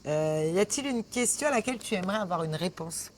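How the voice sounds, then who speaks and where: A woman's voice: mid-range voice, lively intonation, fast talker, slight background noise. A woman hosting a casual, conversational interview, putting short questions and reacting informally. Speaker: interviewer, host.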